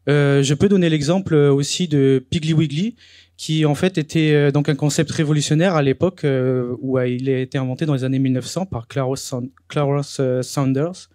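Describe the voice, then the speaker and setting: A man's voice: a little high, fairly even intonation, brisk, darkish tone, no echo, clean studio sound. A young man hosting a talk event, speaking casually with frequent hesitations. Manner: chatty, hesitant, with many fillers. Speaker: event host. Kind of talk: presentation to a live audience.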